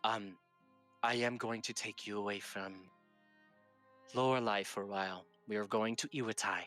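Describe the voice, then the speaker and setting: A man voicing an earnest young wizard, polite and measured, with a crisp, bright voice. He speaks formally and with care, like a new teacher. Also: fairly low pitch, steady tone, faint music behind, voice pushed down, natural voice. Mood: calm, formal.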